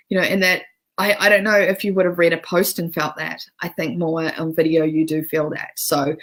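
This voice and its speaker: A woman's voice: lowish voice, a bit bright, rough recording. A woman with a New Zealand accent giving a chatty live-streamed business training from home, with frequent ums and restarts. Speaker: business coach. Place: home, cat nearby.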